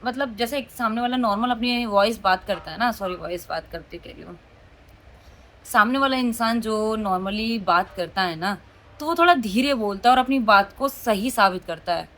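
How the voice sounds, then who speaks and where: A young woman speaks straight to her camera in a casual confessional vlog. Her voice is loud and a little high, and her delivery is outspoken and emotional. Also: moderate pace. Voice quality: loud, forceful voice. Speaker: vlogger.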